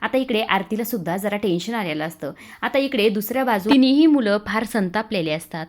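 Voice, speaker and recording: A woman's steady storytelling voice at a middle pitch. She recaps a serial episode scene by scene and reads the characters' quoted lines as part of her narration. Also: brisk.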